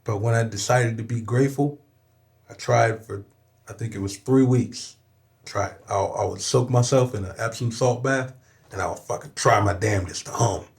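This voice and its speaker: Guesting on a podcast, this young Southern California rapper has a fairly low voice with vocal fry and talks at a normal pace. His personal story comes out candid and emphatic, full of swearing and repeated "you know what I'm saying."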